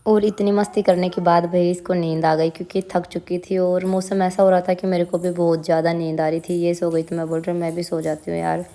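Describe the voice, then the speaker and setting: Young female vlogger, casual chatty narrator, low even mellow voice. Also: brisk, hardly any pauses. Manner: chatty, addresses viewers as guys.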